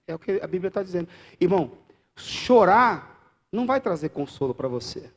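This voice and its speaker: A pastor preaching live in church, his Brazilian Portuguese accent evident, shifts between loud outbursts and soft asides while bantering with the people in the pews. He speaks at normal speed in a high, sing-song voice.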